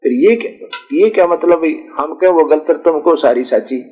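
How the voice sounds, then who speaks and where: A man's voice: a little high, animated, normal speed, warm tone, rough recording. A man preaching in a conversational storytelling way, acting out dialogues and often correcting himself mid-word. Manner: rustic, conversational, recounts dialogues with self-corrections. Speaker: spiritual preacher. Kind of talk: storytelling sermon.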